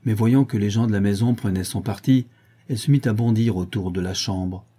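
Husky dark-voiced male audiobook narrator. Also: fairly low pitch, fairly quick. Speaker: audiobook reader. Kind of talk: scripted narration of a novel.

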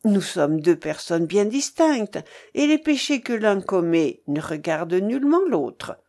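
A woman's warm, medium-pitched voice is very animated yet measured in pace as she reads a passage aloud. She plays a crafty maidservant who persuasively coaxes her master.

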